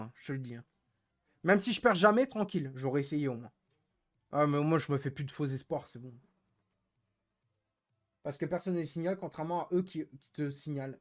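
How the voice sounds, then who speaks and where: A young man rants casually on a live stream, bitter and frustrated, cursing often and repeating himself. He swings between loud outbursts and low muttering.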